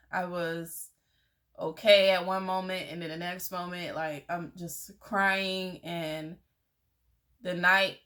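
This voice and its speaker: A woman's voice: fairly low pitch, bright, forceful tone. A young adult woman telling a personal story to her viewers, candid and conversational, with lots of "like" and "y'all". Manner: candid, conversational, uses many fillers like "like" and "y'all". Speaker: vlogger.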